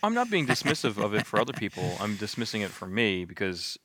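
Male co-host, low-ish voice, dry close sound, relaxed and rambling. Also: no echo. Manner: laid-back, drawn-out, with frequent laughs. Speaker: podcast co-host. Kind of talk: casual gaming podcast chat.

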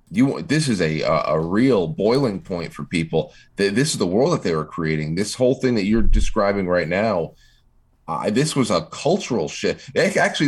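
Man, podcast co-host, deep raspy voice, halting stammer. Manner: halting, stammering restarts when worked up. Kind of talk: casual political talk.

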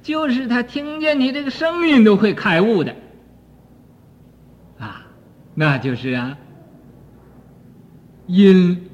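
An older man, a Buddhist teacher, lecturing slowly on a sutra commentary, with frequent "ah" fillers and sudden swings between soft and loud. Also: high-pitched. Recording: dull archival recording in a reverberant hall.

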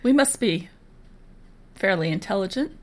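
A woman co-hosting a podcast in casual chat, teasing her friend with quick, dry quips. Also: mid-range voice, lively intonation, darkish tone. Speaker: podcast co-host.

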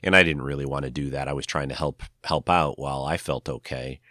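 An older man with a very deep voice hosts a casual podcast on his own. He sounds nasal, congested and worn out with a cold, and he rambles with frequent hesitations. The recording is dry, with little room sound. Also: fairly even intonation, bright, forceful tone, dry recording. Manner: halting, rambling. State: sick with a cold, tired. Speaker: podcast host. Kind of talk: casual solo podcast talk.

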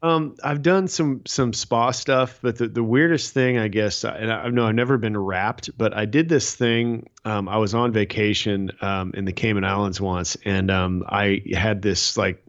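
Low-voiced man joking dryly. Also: steady tone, unhurried, few pauses, muffled recording. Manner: dry, joking, rambling with restarts. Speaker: podcast co-host. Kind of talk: casual chat about a reality dating show.

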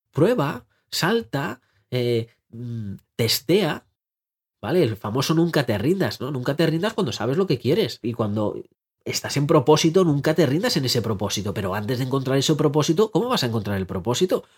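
A man with a slightly husky voice talks through a casual podcast monologue. He coaches listeners in a lively, conversational way and keeps asking rhetorical questions. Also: medium pitch. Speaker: life coach and podcast host.

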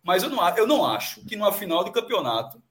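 A man from Brazil, arguing football on a sports talk show, animated and insistent. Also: high-pitched, fast talker, breathy edge. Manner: argumentative, animated, repeats "veja só". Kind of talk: heated casual football debate.

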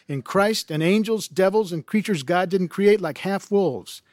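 A man's voice: fairly high pitch, darkish tone, dry recording, studio quality, close to an everyday voice. A man reading as a rambling backwoods yarn-spinner. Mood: matter-of-fact. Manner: folksy broken grammar, yarn-spinning. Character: rough-spoken backwoods man, superstitious, rambling. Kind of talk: reading fiction aloud.

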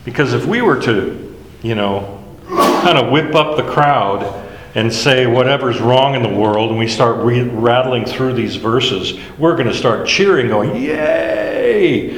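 A Bible teacher leads a study, working through the verses one at a time in a conversational style. His mid-range voice is fairly bright and a little slow. The recording carries an echoey hall with faint ambience and a little hiss or hum.

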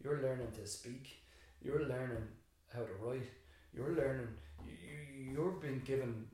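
Speaking a little slowly in a mellow, medium-pitched voice, this man from Ireland is a secondary school teacher being interviewed. He reflects out loud, rambling and frequently starting over, in a very echoey room.

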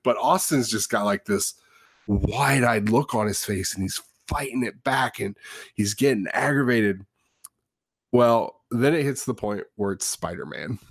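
A man co-hosting a podcast, telling a rambling, animated story about his kid with lots of restarts. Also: lowish voice, a little slow, gravelly, breathy edge, no room sound, studio quality. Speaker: podcast co-host; father. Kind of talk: casual podcast chat.

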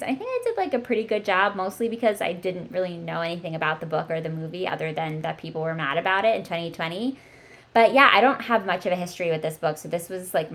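A woman in her early thirties hosts a relaxed book podcast. Her voice sits a little low, and she talks in a loose, chatty way, full of "like" fillers. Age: 30s. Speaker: podcast host. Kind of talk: casual book chat.

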